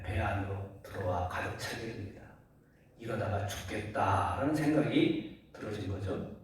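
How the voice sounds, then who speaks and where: A pastor preaching a Sunday sermon, speaking earnestly to his congregation and posing rhetorical questions. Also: medium pitch. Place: church sanctuary. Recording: very echoey hall, voice from far off.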